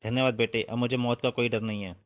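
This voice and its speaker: A man's voice: medium pitch, flat delivery, quick pace, close to an everyday voice. A man voicing a grave old yeti king. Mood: solemn. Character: aging yeti king, proud and remorseful.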